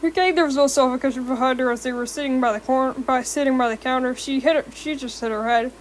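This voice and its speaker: A woman's voice: sits high, steady tone, quick pace, a little hiss or hum. A young woman with a sore throat reading a fan-fiction story aloud, often stumbling and correcting herself. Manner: stumbling, rereads and corrects words.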